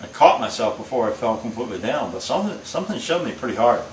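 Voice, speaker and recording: A man on a ghost hunt talks in a halting, easygoing way, with restarts as he tells his story. The voice is roomy and echoey, picked up from a distance, with a faint hiss of noise behind it. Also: mid-range voice, very animated. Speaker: paranormal investigator. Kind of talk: casual chat. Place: old house, indoors.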